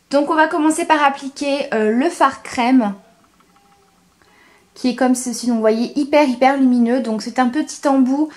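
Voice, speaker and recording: A woman's voice: sits high, darkish tone. Chatty French-speaking woman doing makeup. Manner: enthusiastic, repeats words for emphasis; frequent hesitations with "euh". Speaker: beauty vlogger. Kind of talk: makeup tutorial.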